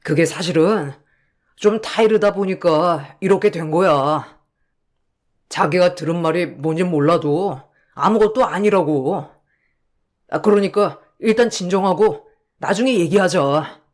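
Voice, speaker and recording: A woman voicing a flustered, evasive husband who stammers out placating excuses in a lowered voice. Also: unhurried, darkish tone, natural voice.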